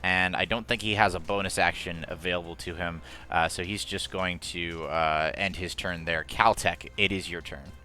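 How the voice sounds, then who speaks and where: Low bright-voiced game master. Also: male voice, steady tone, moderate pace, few pauses. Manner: chatty, laughing, full of fillers. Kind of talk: running a tabletop game.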